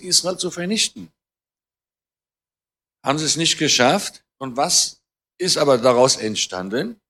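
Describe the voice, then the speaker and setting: A man in his fifties speaks at an ordinary middle pitch, giving a conversational lecture to a church audience. He sounds earnest and preacherly, cites scripture, and often pauses or corrects himself mid-sentence. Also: a bit bright. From Germany. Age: 50s. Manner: earnest, preaching with scripture references and light humour; talks with frequent hesitations and self-corrections. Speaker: guest speaker on Israel.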